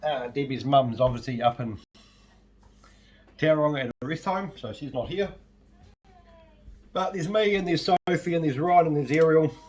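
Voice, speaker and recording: A man's voice: fairly high pitch, normal speed, pauses often, a little mellow, rough recording. A man, rambling chattily through a casual home vlog from his kitchen and swearing now and then. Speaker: vlogger. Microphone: handheld camera.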